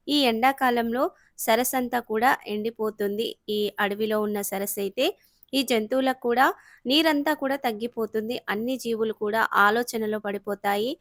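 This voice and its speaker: A woman's voice: a little high, no room sound, studio quality. A woman storyteller narrating a children's moral cartoon story in a chatty, colloquial way, with frequent filler words.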